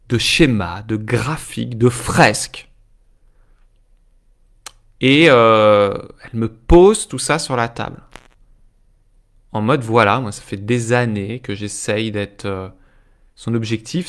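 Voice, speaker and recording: A man's voice: lowish voice, a bit bright. Man coaching live, hesitant and emphatic. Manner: spontaneous, with frequent hesitations and asides to viewers. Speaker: life coach. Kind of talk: live-streamed motivational talk.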